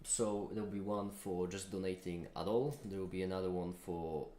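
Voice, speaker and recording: A man's voice: sits low, fairly even intonation, moderate pace, dark tone. A man chatting casually as he works on his livestream, thinking aloud in a musing, self-critical way. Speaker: video creator hosting a livestream. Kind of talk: casual chat while working. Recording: echoey room with clear background noise.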